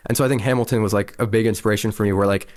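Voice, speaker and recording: A man's voice: on the low side, steady tone, very fast, darkish tone. A man in his early twenties hosting a podcast interview, chatting casually and eagerly, filling his speech with "like". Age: early 20s. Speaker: podcast host.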